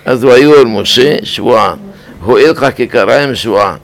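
Older male rabbi, gravelly and mid-pitched, preaching a weekly sermon with deliberate repetition. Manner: deliberate, repeats words for emphasis. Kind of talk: weekly sermon on scripture and law.

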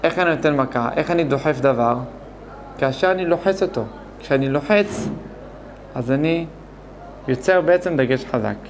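A man teaching a Hebrew grammar lesson, explaining slowly and repeating points while asking his students questions. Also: on the high side, expressive, slight background noise. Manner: slow, repetitive explaining with questions to the class. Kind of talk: classroom lesson.

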